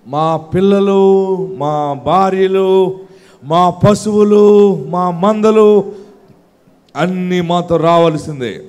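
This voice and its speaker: A preacher voicing a defiant leader, slow and emphatic. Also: male voice, high-pitched, darkish tone, clean tone. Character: defiant male leader confronting a king.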